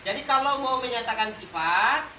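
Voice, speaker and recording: A man teaching a lively grammar lesson to a class, quizzing them playfully, joking, and drawing out example words slowly. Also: very high-pitched. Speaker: religious teacher. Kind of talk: classroom lesson with call-and-response. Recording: roomy, distant classroom recording with faint noise.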